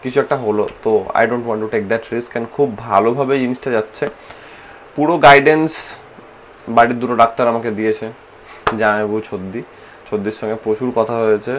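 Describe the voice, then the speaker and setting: Soft, slow-talking Bengali man. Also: medium pitch, steady tone, a little hiss or hum. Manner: slow, soft-spoken, mixing English phrases into speech. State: tired and low on energy from fasting. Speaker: vlogger. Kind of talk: casual vlog narration. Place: home, indoors.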